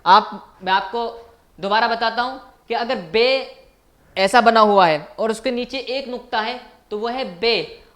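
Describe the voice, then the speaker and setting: A man's voice: very high-pitched, fairly bright tone. A man teaching as a language teacher in a recorded online lecture, patiently repeating each point and asking his viewers questions.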